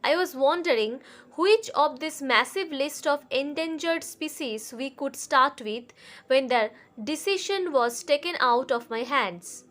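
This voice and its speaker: A woman teacher with an Indian English accent, reading a story aloud to a class in an expressive, measured way. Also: high-pitched.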